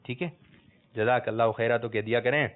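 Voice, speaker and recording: A man hosting a religious quiz for children, coaxing answers out of them and loudly praising the correct ones. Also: mid-range voice, steady tone. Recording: tinny lo-fi phone-like sound.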